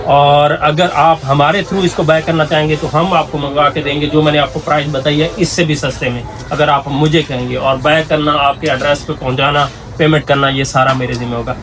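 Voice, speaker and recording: Young male vlogger with a slightly high voice, hyping gadgets like a salesman while touring a trade center. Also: flat delivery, fairly quick, few pauses, a bit bright, soft background music. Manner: eager, salesman-like product pitching. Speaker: travel vlogger. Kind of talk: casual promotional walkthrough. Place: indoor trade center shopping hall.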